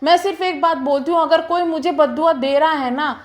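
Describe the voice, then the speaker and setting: A woman's voice: high voice, a little fast. A young woman vlogger talking to her viewers, defending herself in a defensive, emphatic, repetitive way. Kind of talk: clarification vlog to viewers.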